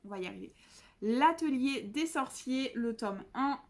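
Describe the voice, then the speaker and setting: A woman's voice: high voice, animated, unhurried, darkish tone. A young woman chatting casually as a book vlogger, self-mocking and rambling, with many fillers and restarts. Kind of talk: casual chat.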